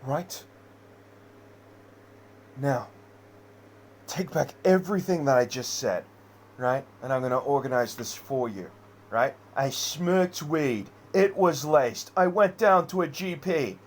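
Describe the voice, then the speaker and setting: A man's voice: mid-range voice, lively intonation, takes it slowly, pauses often, slight background noise. A man in an unscripted personal rant, rambling, heavily profane and agitated. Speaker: vlogger.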